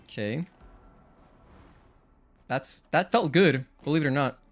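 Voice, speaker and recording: This streamer, a young man whose first language is Spanish, has a fairly high-pitched voice and takes things slowly, with faint music in the background. He offers casual commentary to viewers as he plays, chatting, thinking out loud and counting combo hits.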